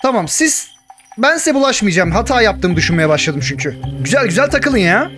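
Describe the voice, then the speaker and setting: A young man narrating and reacting to his Minecraft survival game, joking and yelling in panic when chased. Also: high voice, big pitch swings, fairly quick, music in the background. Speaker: gaming YouTuber. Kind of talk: Minecraft let's play with story narration.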